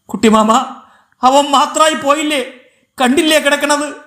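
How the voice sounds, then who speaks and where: A man's voice: very high-pitched, normal speed, pushed and bright, voice pushed up. A man voicing a grief-stricken man crying out in despair for his dead brother in an audiobook. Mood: wailing grief. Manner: crying out, desperate. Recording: echoey room.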